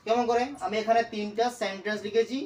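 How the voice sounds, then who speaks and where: A man teaching a pronunciation lesson, speaking slowly and repeating words as he breaks them into syllables. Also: high-pitched, flat delivery, a little mellow, distant mic. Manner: slow, repetitive, breaks words into syllables aloud. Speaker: English teacher. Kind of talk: classroom lesson explaining pronunciation.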